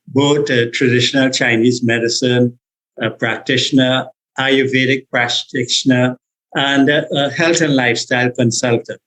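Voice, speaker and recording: A man's voice: mid-range voice, a bit bright, rough recording. Man, hesitant storyteller. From Trinidad and Tobago. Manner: hesitant, with restarts and little laughs. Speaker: guest, meditation teacher and health consultant. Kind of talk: conversational interview answers.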